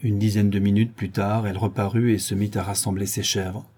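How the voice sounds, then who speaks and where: Male audiobook narrator, low, husky and dark. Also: level tone, a little fast. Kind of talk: scripted narration.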